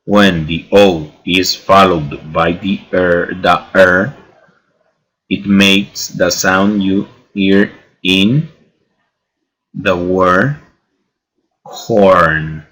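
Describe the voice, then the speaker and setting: A man teaches a spelling lesson at a very slow, deliberate pace. His voice is low and husky. He repeats each word twice and keeps checking in with "¿verdad?". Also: a bit bright, poor audio. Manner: mixes Spanish and English, often adds "¿verdad?".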